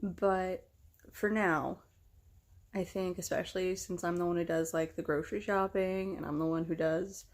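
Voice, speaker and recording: A woman's voice: on the low side, steady tone, normal speed. A young woman from the United States talking candidly and casually about herself, in a self-deprecating, conversational way. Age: young adult. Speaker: vlogger. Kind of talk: casual chat.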